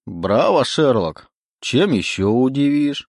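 A man's voice: mid-range voice, big pitch swings, takes it slowly, a little mellow, dry recording, studio quality, pitched above the performer's own voice, heavily acted. A man reading an audiobook, voicing a mocking, cruel demon voice with a sneering manner.

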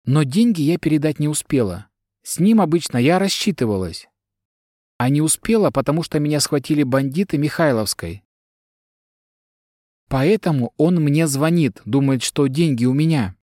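A man's voice: fairly high pitch, animated, moderate pace, mellow, no echo, clean studio sound, natural voice. A man reading an audiobook, voicing a frightened, defensive middle-aged woman who talks in an agitated, self-justifying way. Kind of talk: audiobook character dialogue.

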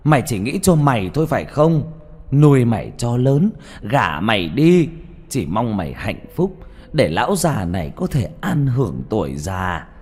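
A man voicing an angry, grieving old father who shouts and scolds. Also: lowish voice, sing-song, measured pace, breathy edge, in a large hall, heavily acted. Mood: furious pleading.

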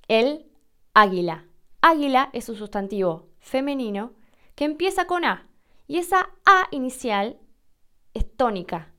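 Argentine woman podcast host, smooth resonant voice, patient step-by-step teacher. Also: mid-range voice, fairly bright tone. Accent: Argentine Spanish. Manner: clear, patient, explains step by step. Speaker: podcast host answering listener questions. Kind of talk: explanatory language lesson.

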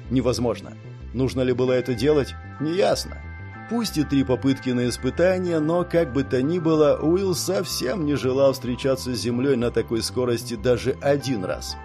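A man reading a fantasy audiobook aloud in a measured, dramatic narration. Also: medium pitch, warm tone.

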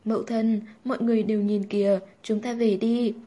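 A woman reading the lines of a young marquis who speaks gently to his mother. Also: a little high, flat delivery, fairly quick, lightly acted. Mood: gentle. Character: noble young man, a marquis, dutiful son.

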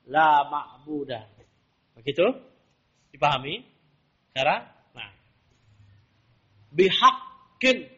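A man teaches a religious class, checking his students with question after question. His voice sits high and a little husky. The recording is dull and lo-fi. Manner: quizzing students with rhetorical questions. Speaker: Islamic teacher.

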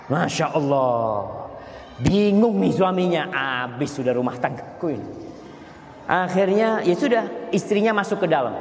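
A man preaching a sermon, telling a story with lively swings and acting out the voices of the people in it. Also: medium pitch. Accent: Indonesian. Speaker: Islamic preacher. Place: large hall with congregation. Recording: echoey hall, faint background noise.

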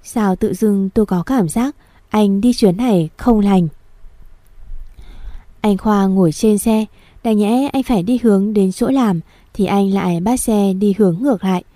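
Woman reading a story aloud, warm mellow voice, dry close mic, steady and gentle. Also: medium pitch, unhurried, no room sound. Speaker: audiobook narrator. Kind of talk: scripted first-person story narration.

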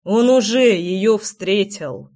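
Measured, knowing brother, voiced by a woman in an audiobook. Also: mid-range voice, lively intonation, a little mellow.

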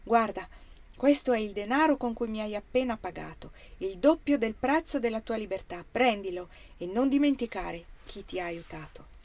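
A kindly merchant speaks in a measured, gentle way, as a woman narrator reads him. It is a calm storybook reading. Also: mid-range voice, lightly acted.

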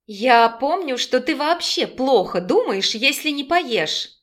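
A woman voicing a gentle caring older sister. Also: sits high, expressive, slow, full character voice. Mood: warm teasing. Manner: gentle, modest.

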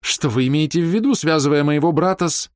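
A man's voice: fairly high pitch, fast talker, darkish tone, no echo, studio quality, pitched above the performer's own voice, close to an everyday voice. A man voicing a proud, distraught older woman who pleads and flares up in indignation. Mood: indignant. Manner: pleading, indignant, breaking into outbursts. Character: proud distraught older woman, fiercely defending her brother.

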